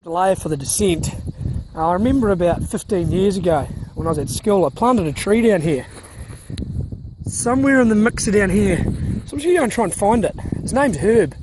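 High-voiced young man vlogging outdoors. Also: fairly quick, background noise. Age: young adult. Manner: deadpan joking, playful. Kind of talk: casual walking vlog. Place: outdoors on a hill walk in a park. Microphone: phone at arm's length.

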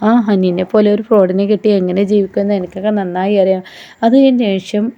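A woman's voice: medium pitch, fairly even intonation, fast talker. A woman casually retelling a TV serial episode step by step, quoting the characters' lines in her own voice. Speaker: TV serial recap vlogger. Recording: slightly dull lo-fi recording.

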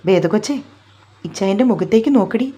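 A woman's voice: mid-range voice, animated, brisk, heavy background noise, natural voice. Woman reading a teasing, bossy young fiancé. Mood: tender. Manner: teasing, coaxing, commanding.

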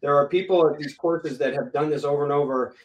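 A man's voice: fairly high pitch, quick pace, roomy sound, distant mic, background noise. A man moderating a medical panel discussion, explaining terms plainly and making joking asides.

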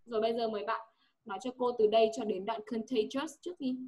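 A woman's voice: a little high, fairly even intonation, quick pace, a little mellow, lo-fi sound. Patient Vietnamese woman teacher coaching pronunciation. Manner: patient, repeats words for the student to echo. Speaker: English teacher.

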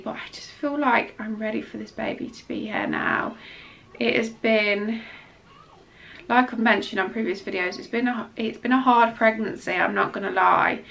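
A young woman chats through a pregnancy update, exhausted and close to tears. Her voice is bright and edged, with a gravelly fry underneath. She rambles and restarts, filling gaps with ums. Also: mid-range voice. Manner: rambling, emotional, frequent ums and self-restarts. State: exhausted and tearful. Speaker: vlogger. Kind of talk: casual pregnancy update vlog.

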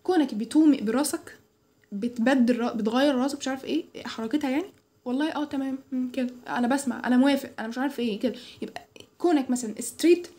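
A young Egyptian woman explains course material at a rapid clip, tripping over restarts and slipping English terms into her Arabic. Her voice sits a little high but sounds soft and mellow rather than bright. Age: young adult. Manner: chatty, fast, many restarts, mixes in English terms. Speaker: student tutor. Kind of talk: informal lecture.

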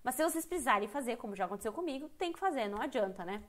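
A Brazilian woman with a fairly high voice teaches English in a live online lesson. She talks candidly and chattily and often breaks off mid-sentence to restart her thought. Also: expressive, rapid-fire. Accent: Brazilian Portuguese. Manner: candid, chatty, self-interrupting. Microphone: computer mic on a live stream.

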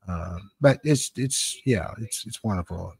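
Speaking close into a boom-arm studio microphone and wearing headphones, this American in his seventies chats casually on a live stream, reading and replying to comments. His fairly low voice is animated, gravelly, and husky with no echo, and his talk rambles and halts. He's from San Francisco, recording indoors in a small, cluttered home studio.

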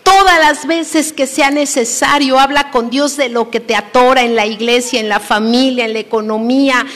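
A woman from Mexico preaches to a congregation, pressing her points with emphasis and then sinking to a hushed near-whisper. Her voice sits high, and a long reverb trails behind it through the church hall. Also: fairly even intonation, moderate pace. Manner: emphatic, shifts between loud exhortation and hushed near-whisper. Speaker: preacher at a women's conference. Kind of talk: sermon.

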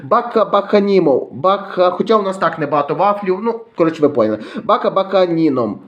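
A man's voice: high-pitched, animated, fast talker, fairly bright tone, lo-fi sound. A young man from western Ukraine, chatting casually as he reads viewer comments aloud in his vlog. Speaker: YouTube vlogger.

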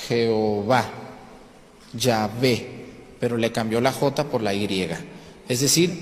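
A man's voice: high-pitched, long reverb tail. A man preaching a colloquial sermon to a congregation, explaining and asking them questions.

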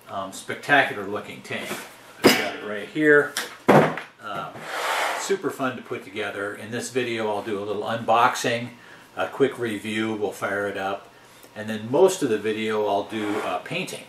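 A man hosting a hobby channel, casually unboxing a model tank in a relaxed, rambling way with lots of fillers. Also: lowish voice, normal speed. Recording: echoey room with background noise.

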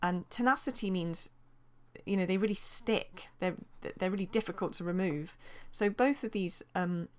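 A woman's voice: lowish voice, normal speed. A woman teaching a revision lesson as a voice-over, explaining steadily and reading quotations aloud, with small restarts.

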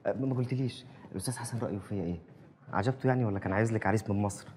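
A man's voice: on the low side, very fast, a little mellow, a little hiss or hum, close to an everyday voice. An actor playing an earnest young university student talking about his plans to marry. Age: young adult. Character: earnest young male student planning marriage. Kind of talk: Egyptian film acting.

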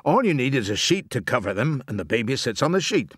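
A man reading an audiobook, voicing a steady, resourceful father who is a poacher, in an easy confident tone. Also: mid-range voice, fast talker, husky, no echo, studio quality.

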